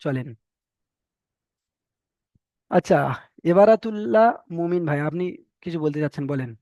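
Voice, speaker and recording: A man teaching an online reading class, slowly drilling letter sounds and repeating syllables for his students. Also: a little high, lively intonation, dark tone, dry recording, dull audio. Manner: slow, repetitive drilling of syllables with pauses.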